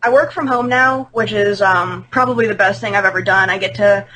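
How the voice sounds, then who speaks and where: A woman's voice: mid-range voice, fairly quick, bright, forceful tone, low-quality recording. A woman in her twenties, a podcast guest on a video call, talking candidly and laughing often. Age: 20s. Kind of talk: casual podcast chat. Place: at home on a call.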